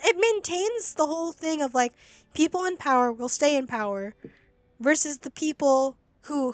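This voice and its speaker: A woman's voice: sits high, no room sound. A young woman streaming a game, talking in a blunt, sweary, exasperated way as she reacts. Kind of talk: casual game-stream commentary. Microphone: laptop stream mic.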